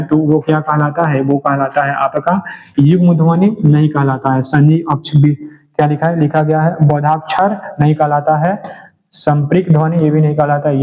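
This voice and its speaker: A man's voice: on the high side, mellow. A male teacher going through exam questions one by one, asking each question aloud and then answering it himself. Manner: keeps asking and answering his own questions. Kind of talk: exam-prep lecture. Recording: dull lo-fi sound.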